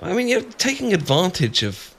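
A British man speaks in a high, exaggerated voice whose pitch swoops wildly, at a moderate pace and with a fairly bright tone. He plays an adorkable, bashful young friend in an ASMR boyfriend roleplay, hesitating, stammering and rambling through a relaxed, chatty, improvised-sounding casual conversation. The recording is clear, with some background noise and ambience.

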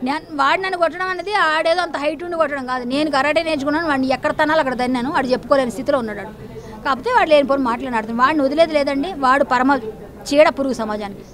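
A woman's voice: high-pitched, very fast, fairly bright tone. A woman, speaking in a heated news interview in a fiery, defiant and accusatory way.

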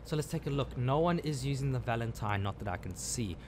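A man's voice: medium pitch, lively intonation, a little fast, darkish tone, a little hiss or hum. A man from South Africa giving casual live commentary while playing a video game, muttering his reactions as he plays. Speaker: gaming channel host.

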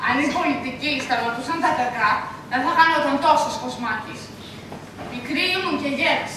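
A woman's voice: high voice, background noise, lightly acted. A woman acting an anxious, devout mother in a school stage play, lamenting and pleading, recorded from far off on an echoey stage. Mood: worried. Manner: fervent, prayerful, lamenting. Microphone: distant camera mic.

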